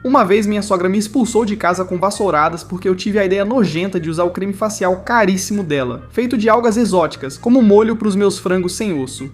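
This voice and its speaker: A man narrating funny scripted stories in the first person, mock-dramatic and lively. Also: high-pitched. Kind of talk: scripted comic storytelling.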